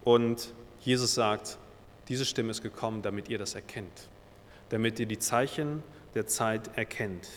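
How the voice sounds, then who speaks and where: German preacher in a reverberant hall. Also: male voice, lowish voice, unhurried, a little hiss or hum. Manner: paraphrases scripture in casual everyday words; reads Bible verses aloud, then explains them. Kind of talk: sermon.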